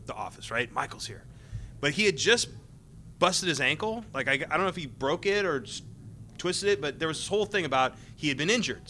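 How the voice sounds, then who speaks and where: A man's voice: a little high, pushed and bright, slight background noise. A middle-aged man, a former game tester, telling rambling anecdotes full of fillers at a convention panel. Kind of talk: casual panel storytelling.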